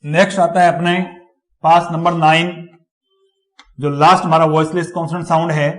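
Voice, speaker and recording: A man's voice: on the high side, level tone, moderate pace, fairly bright tone. A man giving a step-by-step lecture, repeating each example word as he explains. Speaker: teacher. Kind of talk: classroom lecture on phonetics.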